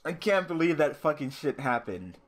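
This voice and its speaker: A man's voice: fairly high pitch, big pitch swings, normal speed. A young man hosting a casual card game commentary, swearing constantly and ranting about losing. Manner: swears constantly, ranting and furious over a loss. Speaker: host.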